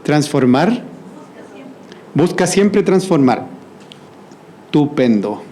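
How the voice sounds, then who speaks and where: A man runs a live verse-writing exercise with his audience, prompting and checking in constantly. His voice sits fairly high, but the tone is dark and mellow. A faint hiss lies under the recording. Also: big pitch swings, slow, low-quality recording. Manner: coaxing, prompting the audience with frequent "¿cierto?". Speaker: workshop facilitator. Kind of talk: leading a group verse-writing activity. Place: event hall at a university launch.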